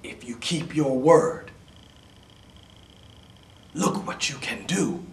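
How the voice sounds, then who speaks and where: Storybook stepmother, cruel and stern, a man putting her on, slow and lively in pitch, echoey room. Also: distant mic. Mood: scolding. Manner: stern, threatening, drops to a whisper. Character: cruel harsh stepmother, woman, demanding. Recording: roomy echo, voice off-mic.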